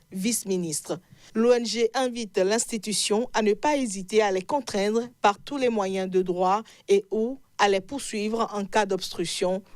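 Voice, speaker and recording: A woman's voice: mid-range voice, a little mellow, no echo. Woman reading a news report, dry sound. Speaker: news reader.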